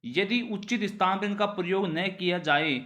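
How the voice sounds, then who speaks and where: A man teaching a grammar revision lesson, repeating phrases and asking rhetorical questions, his pitch falling at the ends of sentences. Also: moderate pace, sharp tone.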